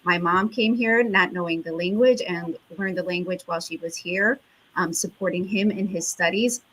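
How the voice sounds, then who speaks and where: Woman doctor telling her story in an interview, bright clear tone, earnest, lots of ums. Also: on the low side, moderate pace, slight background noise, poor audio. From United States. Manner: earnest, reflective, with frequent fillers. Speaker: endocrinologist guest. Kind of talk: conversational interview answer.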